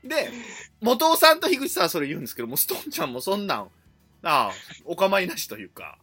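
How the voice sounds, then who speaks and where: A husky, high-pitched man with a Kansai Japanese accent co-hosts a casual comedy podcast at a quick pace over soft background music. He's animated, acting out quoted lines with loud jumps as he retells them.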